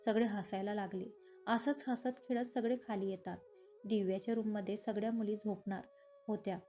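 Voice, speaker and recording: A woman narrating a romance story with a steady, expressive reading. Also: medium pitch, moderate pace, soft background music.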